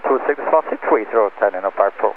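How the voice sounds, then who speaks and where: A man speaking as a pilot, giving clipped readbacks of clearances over aviation radio. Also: on the low side, animated, a little fast. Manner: clipped phraseology. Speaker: airline pilot. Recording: tinny crackling cockpit radio, clear noise.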